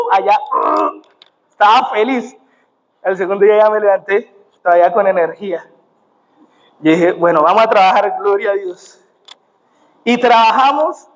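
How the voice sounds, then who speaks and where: A young man with a Colombian accent preaching a sermon in church, often adding "amén" and "gloria a Dios". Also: sits high. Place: church sanctuary. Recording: dull muffled sound in a reverberant church.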